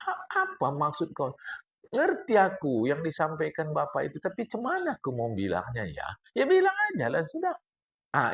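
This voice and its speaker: Older preacher with a gravelly voice. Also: male voice, sits high. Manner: animated lecturing, addresses the congregation, recites Arabic text then explains. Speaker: religious teacher. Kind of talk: mosque study-circle sermon.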